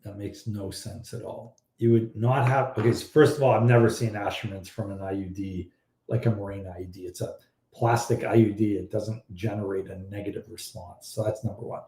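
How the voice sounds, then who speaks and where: Male fertility doctor, originally from Iran, hosting a live Q&A; blunt and animated, warm low tone, echoey room. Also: brisk. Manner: blunt, animated, exasperated at odd claims. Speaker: fertility doctor answering questions. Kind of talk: casual live Q&A.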